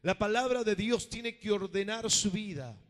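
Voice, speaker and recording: A man, a pastor preaching a sermon with emphasis, calling for amens and swinging between loud and hushed delivery. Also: high voice, expressive, moderate pace. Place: church sanctuary. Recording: reverberant church hall.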